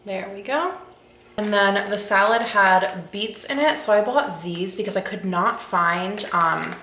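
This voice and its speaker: Bright and forceful at a medium pitch, this unhurried woman speaks in an echoey room with a faint hiss or hum. She's a bubbly vlogger in her twenties cooking in her kitchen and chatting to the camera with plenty of "like" and "you guys," first on a camera mic, then a phone.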